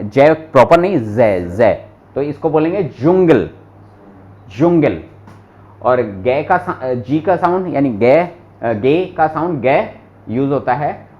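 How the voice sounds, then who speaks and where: Male teacher, slightly high voice, slow patient classroom delivery. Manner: slow, patient, repeats words aloud for students; asks students questions directly. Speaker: German teacher. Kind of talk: live classroom lesson.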